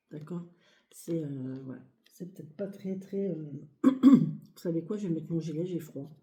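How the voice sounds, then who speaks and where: A hoarse, short-of-breath woman speaking softly and hesitantly with many fillers as she reads cards in a casual video. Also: fairly low pitch. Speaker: card reader. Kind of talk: casual tarot reading video. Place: home, near a sleeping child, outdoor birds.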